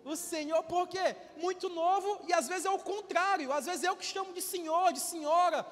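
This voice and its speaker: A Brazilian pastor in his twenties preaching a sermon with loud swells and calls for amens. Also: very high voice, moderate pace, in a large hall. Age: 20s. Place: church hall.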